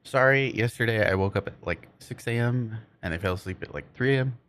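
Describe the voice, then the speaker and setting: A man with a fairly bright, mid-range voice speaks a little fast while streaming a game for viewers. His chat is casual and rambling, he often struggles to find words, and he can't roll his R's.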